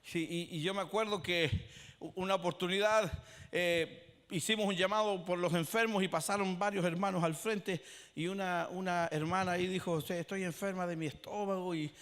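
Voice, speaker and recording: Man, pastor, sermon, high bright voice, dramatic acted quotes, echoing church hall. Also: fairly even intonation, moderate pace. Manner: dramatic retelling with acted quotes, rising to shouts. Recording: long hall reverb.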